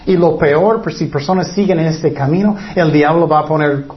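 A man preaching a sermon in an earnest way, letting his voice sink low on heavy words. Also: moderate pace, highs cut off.

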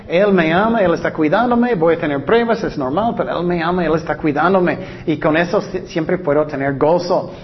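A man preaching a sermon, repeating key words for emphasis and reading scripture slowly and deliberately. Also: on the high side, big-room sound, a little hiss or hum. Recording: dull lo-fi recording.

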